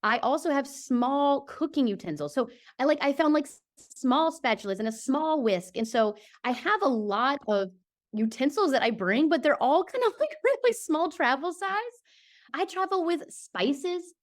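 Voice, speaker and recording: A woman's voice: high-pitched, moderate pace. A woman from Georgia in the US, a podcast guest on a video call, talking emphatically and checking in with her listener as she goes. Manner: emphatic, lively, keeps checking in with "okay?". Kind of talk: casual interview chat.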